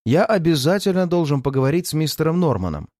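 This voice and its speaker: A man doing a calm, resolute detective. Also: a little high, no room sound, studio quality. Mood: calm firm. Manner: calm, firm, measured.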